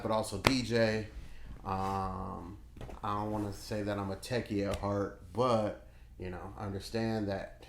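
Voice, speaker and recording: A man in his thirties from the Detroit area, co-hosting a casual podcast chat and telling stories in a laid-back, rambling way. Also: low voice. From Metro Detroit, Michigan. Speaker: co-host, DJ. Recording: echoey room, faint noise.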